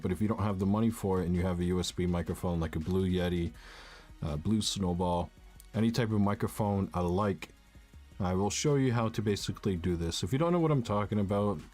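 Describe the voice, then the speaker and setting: A young Canadian man with a naturally low, slightly mellow voice rambles casually through a screen-recorded tech tutorial, leaning on "uh" and "basically" as he explains the setup step by step. He's a tech tutorial YouTuber recording in a home room that has a bar fridge.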